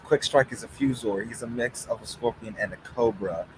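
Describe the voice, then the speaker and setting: A man's voice: medium pitch, moderate pace. Male streamer, casual swearing banter with chat, faint noise under it. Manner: reads out chat, argues, swears, laughs.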